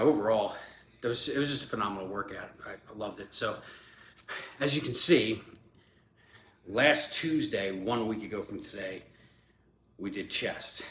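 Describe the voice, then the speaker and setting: Congested with a cold, a male fitness vlogger in his forties chats loosely and rambles through a casual vlog, dropping lots of fillers. He has a lowish, slightly bright voice, recorded in an echoey room with a faint background hum.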